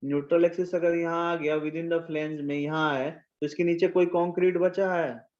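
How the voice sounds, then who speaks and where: A man's voice: on the high side, little pitch movement, normal speed, darkish tone, muffled recording. A man teaching an engineering class, asking questions and answering them himself. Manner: asks and answers his own questions, mixing in English terms. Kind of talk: engineering lecture.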